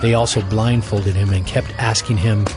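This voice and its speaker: A man with a fairly low voice delivers solemn scripture narration from a script. Loud music sits behind him. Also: fairly even intonation, moderate pace. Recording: loud dramatic music underneath.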